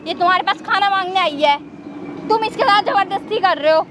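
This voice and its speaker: A woman's voice: very high voice, fairly quick. A woman passer-by confronting a man on the street, commanding and insistent. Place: city street outdoors. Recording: loud street noise behind.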